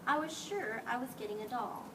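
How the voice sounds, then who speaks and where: Reading briskly in a slightly high voice, a teacher shares a picture book with children and brings the dialogue to life with expressive acting. The microphone is far away, and background noise is clearly present.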